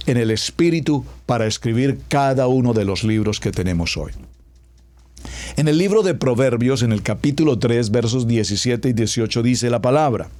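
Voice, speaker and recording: A man's voice: mid-range voice, expressive, moderate pace, darkish tone. Man, pastor, radio sermon, emphatic, list-like phrasing, stretched-out stressed words. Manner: emphatic, stacking lists of words.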